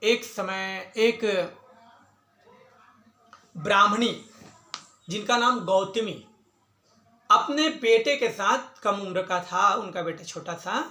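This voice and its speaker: A man's voice: high-pitched, slow, pauses often, sharp tone. A man, a pandit, telling a religious story in an emphatic discourse style. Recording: echoey room.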